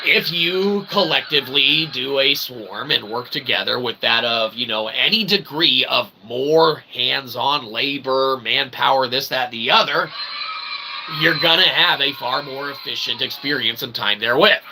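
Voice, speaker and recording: A man with a mid-range voice speaks a little slowly as he hosts a livestream. He delivers a rambling philosophical monologue full of wordy, convoluted phrasing and frequent tag questions. The recording has clear background noise.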